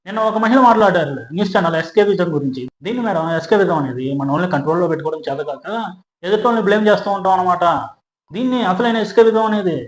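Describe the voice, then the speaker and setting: A man's voice: high voice, expressive, rapid-fire, roomy sound, rough recording. A man giving opinion commentary to camera, rhetorical and emphatic, repeating phrases and asking listeners "hmm?". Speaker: social media commentator.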